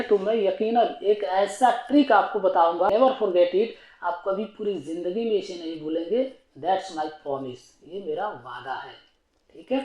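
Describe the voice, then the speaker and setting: A man's voice: sits high, a little mellow, echoey room, muffled recording. A man teaching an online grammar lesson, explaining patiently and repetitively and asking himself rhetorical questions.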